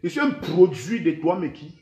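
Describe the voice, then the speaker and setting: Cameroonian man, Camfranglais-laced French, high voice, menacing social-media rant in a roomy echo. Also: very animated, moderate pace, a crowd in the background. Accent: Cameroonian French, mixing in Camfranglais. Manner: threatening, heated, keeps repeating "man" and "vrai".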